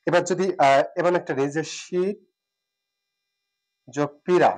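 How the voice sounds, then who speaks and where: A man teaching spelling rules who speaks, repeats words, pauses with fillers and asks and answers his own questions. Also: fairly high pitch. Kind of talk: classroom lesson.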